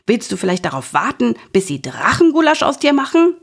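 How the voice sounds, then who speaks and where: A big storybook dragon teacher, voiced by a woman, bellowing and scolding with impatience. The voice is gruff and a little husky. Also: fairly high pitch, sing-song, fairly quick, voice pushed up, heavily acted.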